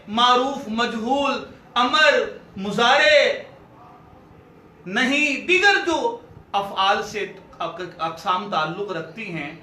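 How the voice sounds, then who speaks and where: Bright high-voiced male grammar teacher. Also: echoey room, slight background noise. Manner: explanatory, addresses students directly. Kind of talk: online class lecture.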